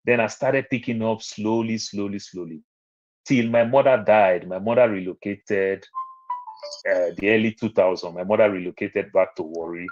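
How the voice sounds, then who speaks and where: A Nigerian-accented man tells rambling personal stories during a casual online panel, circling back over the same phrases. He speaks at a moderate pace in a lowish, slightly mellow voice, with faint music behind and muffled, lo-fi sound.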